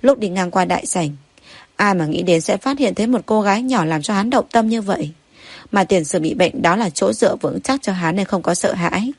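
A woman's voice: mid-range voice, brisk, husky, no room sound. A woman narrating a novel as an audiobook, reading evenly and steadily. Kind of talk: scripted story narration.

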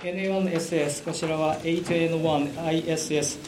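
Male radio operator heard over a radio link, slow measured call signs, slightly high voice, echoey noisy feed with clicks. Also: fairly even intonation. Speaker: ground station control operator. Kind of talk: amateur radio call procedure.

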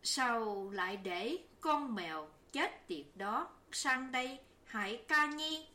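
A woman's voice: a little high, expressive, slow, bright, forceful tone, far from the mic, heavily acted. A woman voicing the distraught senior wife of a household who cries out in anguish in an audiobook. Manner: anguished, demanding.

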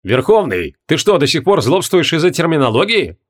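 A man's voice: fairly high pitch, big pitch swings, normal speed, slightly rough. A man reading an audiobook voices a bald, wry wizard who needles a colleague. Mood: mocking.

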